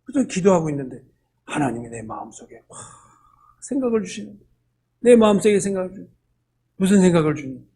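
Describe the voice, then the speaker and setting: An older man, a church elder, preaching a sermon and acting out quoted dialogue in an animated way. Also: high-pitched, fast, pauses often, breathy edge.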